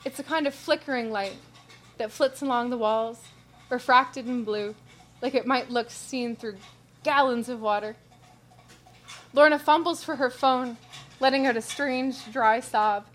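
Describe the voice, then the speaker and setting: A woman reading a story in a measured, even narration. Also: on the high side, a little hiss or hum. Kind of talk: scripted narration.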